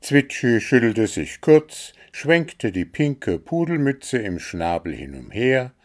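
A man reading a children's story aloud, expressive with dry asides. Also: medium pitch, slow.

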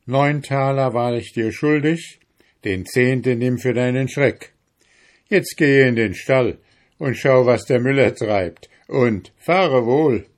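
Sneering, unshakable stranger in a fairy tale, raised voice, deliberate pace, read by a man. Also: mid-range voice, natural voice. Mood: kindly commanding. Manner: mocking, haggling, raised voice. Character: mocking, unbending male stranger bargaining.

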